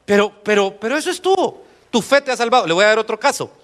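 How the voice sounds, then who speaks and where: A man's voice: high voice, very animated, fast, fairly bright tone. A middle-aged male pastor preaching a sermon in a church, often asking the congregation questions.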